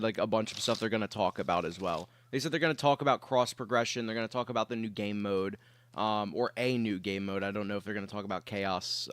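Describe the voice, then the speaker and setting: There's no echo on this clear, resonant, lowish and fairly bright voice. A sick young man is livestreaming from his bedroom, chatting loosely with viewers, filling his talk with fillers and pausing for coughs and throat clearing.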